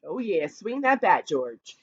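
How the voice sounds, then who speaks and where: Kindergarten teacher, a woman reading storybooks very slowly, bouncy pitch, slightly dull lo-fi recording. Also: husky. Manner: slow, expressive read-aloud with lively pitch, chatty asides. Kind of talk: reading picture books aloud to children.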